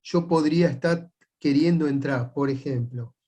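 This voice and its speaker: A man with a Rioplatense Spanish accent walks a class through navigation methodically. His voice sits a little on the high side, and he keeps checking in with short rising tags after each point. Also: normal speed, warm tone. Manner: patient, methodical step-by-step explaining. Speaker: sailing instructor. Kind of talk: explanatory class lecture.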